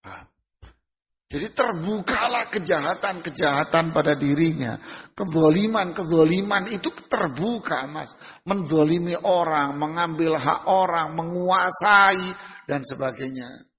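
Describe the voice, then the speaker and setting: Male preacher, high-pitched and a little gravelly, casual question-and-answer lecture, dull recording in a hall with long reverb. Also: a little slow. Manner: asks the audience questions and answers them himself; uses everyday examples in casual speech. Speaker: Islamic preacher. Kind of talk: conversational religious lecture.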